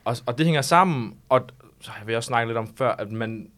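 A young man in his twenties, co-hosting a casual podcast chat, speaking in a halting way with many fillers. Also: medium pitch, a bit bright. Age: 20s. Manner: hesitant, halting speech with many fillers and restarts. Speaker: podcast co-host.

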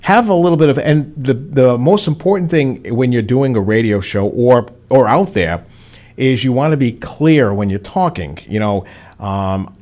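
A middle-aged man, a veteran radio DJ giving rambling advice in a studio chat and telling stories with animated quoted voices. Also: medium pitch, moderate pace.

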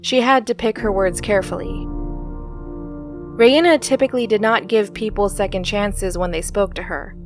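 A woman reading a story aloud in a calm, measured narration. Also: mid-range voice, music in the background.

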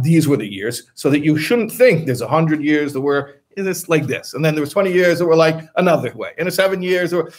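A man teaching a religious text to a class, talking in short bursts and stopping to explain each term. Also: on the high side. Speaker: Torah teacher.

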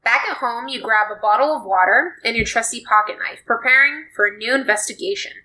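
A woman's voice: a little high, fairly quick, pushed and bright, poor audio. A woman playing a tabletop story game with friends, reading the story cards aloud and explaining the rules.

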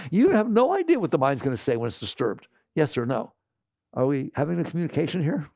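A man giving an animated talk to an audience, scolding and asking rhetorical questions. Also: fairly high pitch, quick pace, no echo, studio quality.

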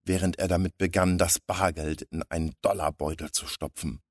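Deep raspy guy reading a story, super dry sound. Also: fairly even intonation, moderate pace, no room sound. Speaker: narrator.

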